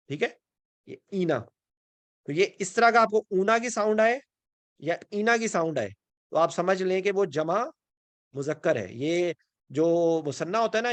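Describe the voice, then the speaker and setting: A man's voice: high-pitched, no room sound. A man with a Pakistani Urdu accent gives an online grammar lesson in a slightly raised voice. He explains step by step, keeps checking in with his students and slips English words in. The recording is dry and close, with no room sound. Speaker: Quran and Arabic grammar teacher. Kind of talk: online class lecture.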